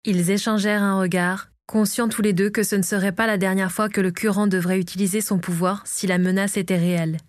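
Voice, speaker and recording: A woman narrating a fantasy audiobook in a calm, measured storytelling manner. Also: mid-range voice, no room sound. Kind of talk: scripted narration of a fantasy novel.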